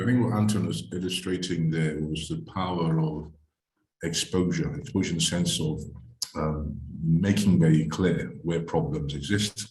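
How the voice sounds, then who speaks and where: Low voiced guy chairing a webinar, formal and measured, echoey room sound. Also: a little mellow. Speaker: moderator. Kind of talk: webinar moderation.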